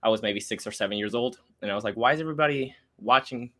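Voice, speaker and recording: A man's voice: medium pitch, quick pace, a bit bright. A young man from Argentina, a podcast guest joining by video call, telling his story in an easygoing, earnest way. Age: 20s. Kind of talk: casual chat.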